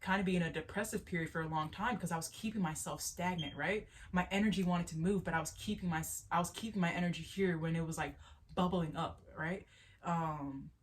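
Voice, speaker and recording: Husky and lowish, a young woman's voice moves fairly quickly as she does a casual, earnest tarot reading in a solo video to camera. She has a stuffy nose and rambles, restarting and laughing a little along the way.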